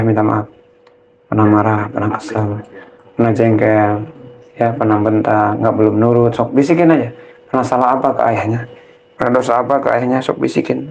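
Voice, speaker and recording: A man, a ruqyah cleric gently guiding a family through prayer and rising into fervent pleas. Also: mid-range voice, vocal fry, muffled recording.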